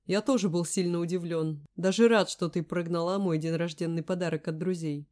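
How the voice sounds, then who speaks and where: A woman's voice: lowish voice, fairly even intonation, a little fast, a little mellow, lightly acted. A woman reading a charming, easygoing young man teasing a girl on the phone in an audiobook, with a velvety voice. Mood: amused. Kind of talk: audiobook character voice.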